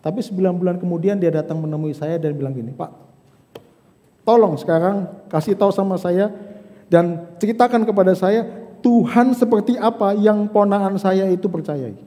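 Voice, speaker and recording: A male pastor preaches to his congregation in a high voice, his words carrying a long reverb through the church hall. He calls out to the listeners directly, sinking to hushed, slow lines and then climbing to fervent peaks. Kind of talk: sermon. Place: church service.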